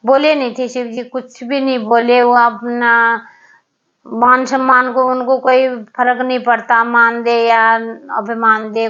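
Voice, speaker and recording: A woman casually retelling a devotional story, unhurried and halting, with many fillers and repeated words. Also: sits high, a bit bright. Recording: dull lo-fi recording.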